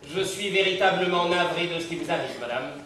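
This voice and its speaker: A man's voice: high-pitched, a little fast, bright, forceful tone, slight background noise. Man playing a flustered, fussy employee. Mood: deferential. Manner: polite, fussy and exasperated on the telephone. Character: flustered, deferential male household employee. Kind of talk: live stage comedy. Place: theatre stage. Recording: echoey theatre stage from far off.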